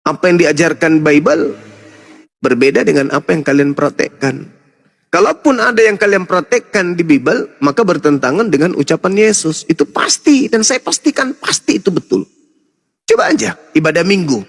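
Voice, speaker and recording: A man's voice: a little high, lively intonation, moderate pace, gravelly, long reverb tail. A man debating heatedly over religion, lecturing in long repeated runs and mocking his opponent.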